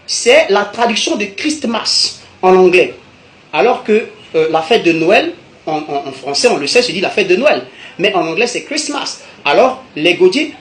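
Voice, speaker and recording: A high-pitched man gives a patient, methodical language lesson, saying each word twice so it sinks in. His voice rings around a reverberant room. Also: a bit bright. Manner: methodical, repeats each term for emphasis. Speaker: language teacher. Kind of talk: explanatory video lesson. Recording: echoey room.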